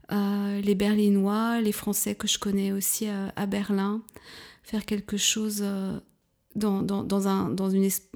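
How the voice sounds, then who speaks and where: A woman in her fifties from France, speaking as an interview guest in a hesitant way, with many fillers, restarts and soft, half-whispered stretches. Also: medium pitch. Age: 50s. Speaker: guest, couples therapist. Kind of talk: casual interview talk.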